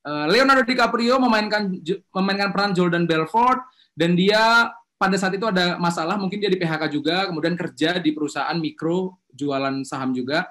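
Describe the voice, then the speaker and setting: A quick-talking man with a fairly high voice leads an online webinar as a communication trainer. He keeps pressing the audience to speak up, lively and coaxing, and the sound comes through a video-call mic. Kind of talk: energetic online webinar presentation.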